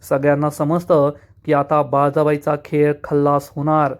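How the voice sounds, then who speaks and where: A man with a slightly high voice narrates the plot of a serial episode in a dramatic recap. He reads out the characters' lines with urgency and pushes through the emotional scenes. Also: monotone, normal speed, clean tone.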